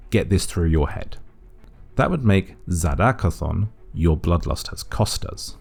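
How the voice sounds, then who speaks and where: A man's voice: low-pitched, creaky, darkish tone. A man narrating a methodical video essay, reasoning aloud and offering cautious guesses. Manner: methodical, speculative, thinking aloud. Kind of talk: analytical voice-over explainer.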